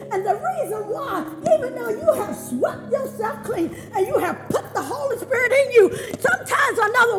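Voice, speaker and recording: High-voiced woman preaching with shouts. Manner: emphatic, laughing, shouting phrases. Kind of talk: sermon. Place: church. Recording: reverberant hall with music.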